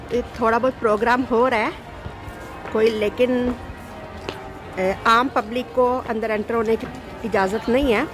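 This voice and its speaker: A woman with a slightly high, steady voice vlogs on her handheld phone while walking through a busy city square, crowd noise and music behind her. She speaks at a measured pace with frequent pauses, giving chatty tour-guide commentary and calling to her child, though the audio is poor.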